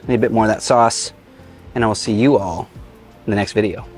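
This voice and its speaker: A man's voice: lowish voice, fairly even intonation, quick pace, faint music behind. A man hosting a casual cooking demonstration outdoors, chatty and enthusiastic as he cooks and tastes. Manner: enthusiastic, chatty, talks with a mouthful at times. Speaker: cooking show host, chef. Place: outdoor griddle cooking set.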